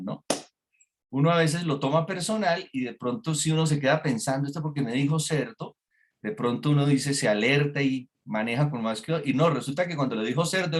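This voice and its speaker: A man preaching a sermon to a congregation, engaging them with frequent questions. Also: fairly high pitch. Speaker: pastor. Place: church before a congregation.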